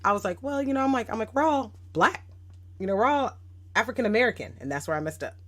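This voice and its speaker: A woman's voice: fairly high pitch, fast talker. A woman in her thirties, a guest educator, telling stories on a casual podcast in a reflective way. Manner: reflective, animated when quoting others.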